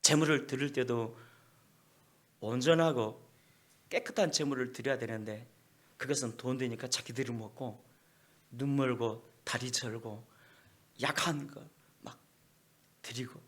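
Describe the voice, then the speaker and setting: A man's voice: mid-range voice, unhurried, pauses often. A male pastor preaching a sermon emphatically, often prodding the congregation with a rhetorical "eh?". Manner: emphatic, keeps prompting with rhetorical "eh?".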